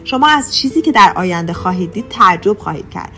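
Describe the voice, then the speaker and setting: A woman's voice: lowish voice, lively intonation, pushed and bright, faint music behind. A woman voicing a wealthy, friendly male mentor in an audiobook, speaking in a friendly, lecturing tone. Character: wealthy, friendly older male mentor who flies a helicopter. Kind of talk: audiobook character reading.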